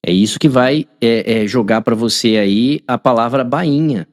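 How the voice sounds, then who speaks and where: A man's voice: mid-range voice, moderate pace, dry recording, studio quality, in a large hall. A man with a Brazilian Portuguese accent, correcting a mock exam in an online class and checking in with his students constantly. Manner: chatty, asks the class constant check-in questions. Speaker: teacher.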